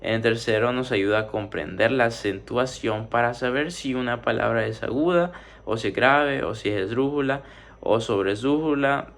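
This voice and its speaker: A man's voice: mid-range voice, creaky. A man teaching a spoken grammar lesson, methodically working through numbered exercises and drawing out syllables as he splits words. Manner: steady explaining, drawn-out syllables.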